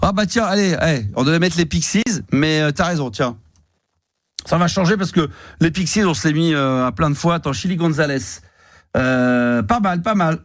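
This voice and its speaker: A man's voice: on the high side, normal speed, dry recording, clean studio sound. A man hosting a late-night call-in radio show, with loose, enthusiastic banter and plenty of swearing. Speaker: radio host.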